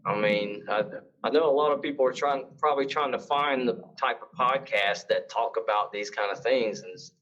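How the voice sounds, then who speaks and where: A man's voice: mid-range voice, normal speed, fairly bright tone. Rambling male author guest, dull sound. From Mississippi. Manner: rambling, hesitant, many uh's. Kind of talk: casual podcast interview.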